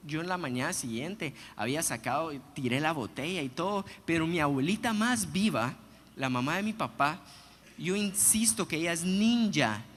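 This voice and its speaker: A man preaching a sermon, telling personal stories in an animated, humorous way. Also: fairly high pitch, normal speed. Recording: long hall reverb, faint background noise.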